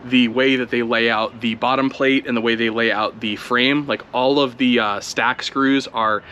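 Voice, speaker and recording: A man giving relaxed, chatty commentary outdoors while he flies a drone, talking it through as he goes. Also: mid-range voice, normal speed, a little hiss or hum. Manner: relaxed, chatty, thinking aloud while flying. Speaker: drone video creator. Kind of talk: casual first-flight commentary.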